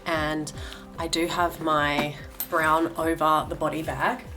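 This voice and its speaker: Young woman, lowish voice, relaxed casual vlog chat, faint background music. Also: slow pace. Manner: chatty, relaxed, self-correcting. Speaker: lifestyle vlogger. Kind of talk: casual vlog talk and voice-over. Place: at home, in a wardrobe room.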